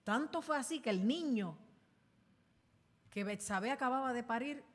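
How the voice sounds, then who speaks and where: A woman's voice: fairly high pitch, expressive, normal speed. Woman preaching in an echoing church. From Puerto Rico. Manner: dramatic preaching, acting out quoted voices with sudden loud bursts. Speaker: pastor. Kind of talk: sermon. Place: church sanctuary. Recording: long reverb in a church hall.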